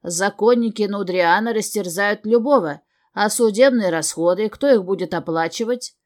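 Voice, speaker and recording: A woman voicing a gruff old male guild master who shouts and threatens. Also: medium pitch, normal speed, lightly acted. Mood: shouting. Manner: shouting, menacing. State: short of breath.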